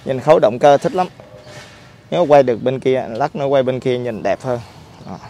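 A middle-aged man talks to viewers in a casual vlog style. His mid-pitched voice is slightly muffled by a face mask. He speaks haltingly, pausing to think as he presents outdoors as a dealer. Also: gravelly, warm tone, a little hiss or hum. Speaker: motorcycle dealer presenting on own channel. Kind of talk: casual vlog product review. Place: outdoors in a public park by a street.

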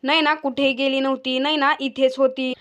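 A woman voicing a furious, suspicious young husband in a retold TV serial, read in a flat way. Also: high-pitched, moderate pace, natural voice. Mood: angry. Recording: dull lo-fi recording.

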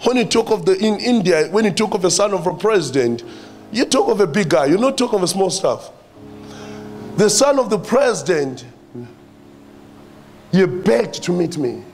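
A man's voice: high-pitched, a little mellow. A man with a South African accent preaching a sermon, addressing the church and repeating his phrases for emphasis.

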